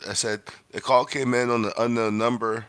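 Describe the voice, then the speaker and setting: Bright-voiced, rambling male player. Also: medium pitch, flat delivery, moderate pace, smooth, dry recording. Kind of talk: casual tabletop game chat.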